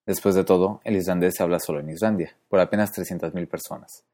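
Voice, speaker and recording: A man hosting a podcast, explaining pronunciation methodically, spelling out letters and repeating sounds slowly. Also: sits low, fairly even intonation, warm tone. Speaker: podcast host.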